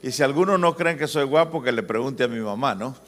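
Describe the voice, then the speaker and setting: A Honduran-accented pastor in his sixties gives a joking, anecdote-filled talk at a family church conference. His medium-pitched voice is expressive, brisk, and a bit bright.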